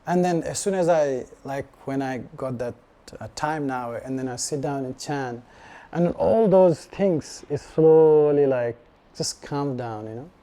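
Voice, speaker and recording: A man from Nepal, giving a casual personal testimony at a devotional gathering in a relaxed, halting way full of 'you know' fillers. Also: medium pitch. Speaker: devotee sharing his practice at a gathering.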